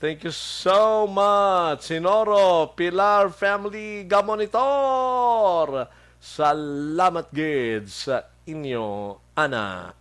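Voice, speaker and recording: A man hosting a local radio show with a Hiligaynon accent, chatting casually and greeting listeners by name, halting with many fillers and chuckles. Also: sits high, fairly bright tone, clear, resonant tone. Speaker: radio host. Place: radio studio.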